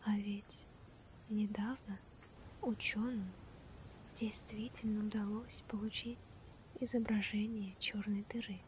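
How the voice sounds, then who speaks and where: A woman in an ASMR role-play as a gentle, wonder-struck girlfriend stargazing at night, soft-spoken softly right into the listener's ear. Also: mid-range voice, flat delivery, a little slow, long pauses, natural voice. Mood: hushed wonder. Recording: night crickets, insects and clear ambient noise. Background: crickets and night insects.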